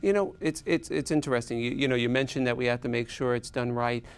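Halting man interviewer in a studio. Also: mid-range voice, steady tone, smooth. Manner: halting, repeats words when starting questions. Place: small studio set with armchairs.

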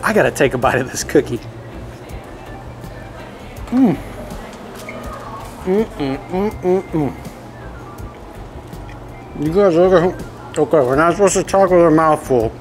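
A man hosting a kids' show on a bakery tour, excitable and talking straight to the viewers. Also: a little high, unhurried, pauses often, soft background music. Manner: excitable, exclaims often, talks straight to the viewers. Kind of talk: upbeat presenting to kids. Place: indoor bakery and commercial kitchen.

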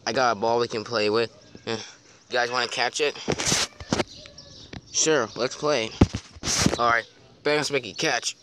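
A young man with a middle-pitched voice improvises slangy, playful conversations between plush toys. He talks casually, as in a homemade backyard video. The handheld outdoor recording has clear noise behind the voice. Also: steady tone, a little slow, pauses often. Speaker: puppeteer voicing plush toys. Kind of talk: improvised plush toy play dialogue. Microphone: handheld phone or camera close by.

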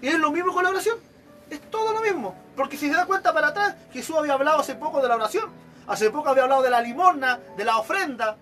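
A man's voice: extremely high pitch, quick pace, soft background music. A man with a Chilean accent preaching an evangelical sermon, acting out examples of churchgoers as he goes. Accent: Chilean Spanish. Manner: animated, acts out examples of church members.

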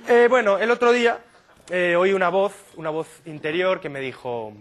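A man from doing a stand-up comedy monologue, telling absurd stories in a deadpan way and slipping into quick silly impressions. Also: high voice. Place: comedy stage before a live audience.

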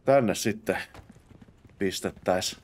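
A young Finnish man giving casual gameplay commentary, muttering to himself and bursting into exclamations during fights. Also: sits low. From Finland. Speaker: let's play host.

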